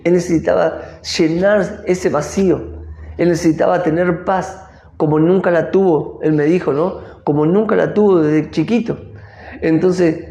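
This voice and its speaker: A man's voice: fairly high pitch, vocal fry, mellow. A middle-aged man with an Argentine Rioplatense accent giving an earnest devotional sermon as pastor, repeating phrases for emphasis. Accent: Argentine Rioplatense Spanish. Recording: echoey room.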